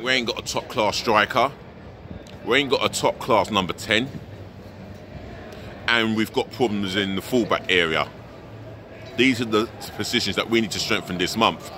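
A man's voice: fairly low pitch, sharp tone, slight background noise. A middle-aged man filming himself outdoors by a stadium, venting frankly as a fan ahead of a match, the camera held at arm's length. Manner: frank, exasperated fan venting about his team. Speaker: football fan vlogger, host. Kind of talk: pre-match vlog to camera. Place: outdoors by a large stadium, city plaza. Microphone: handheld camera at arm's length.

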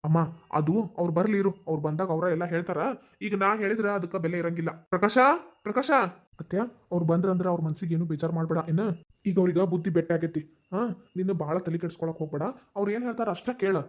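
A woman's voice: lowish voice, fast, a little mellow, natural voice. A woman voicing a caring young man who reassures his aunt, in a Dharwad Kannada accent. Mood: reassuring. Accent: North Karnataka Dharwad Kannada. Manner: reassuring, persuasive. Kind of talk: cartoon voice acting.

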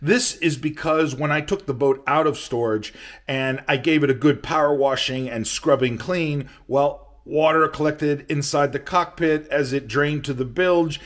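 An older man narrating a boat repair how-to in a plainspoken, matter-of-fact way in an indoor workshop, filming himself up close. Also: medium pitch. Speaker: boat restoration vlogger.

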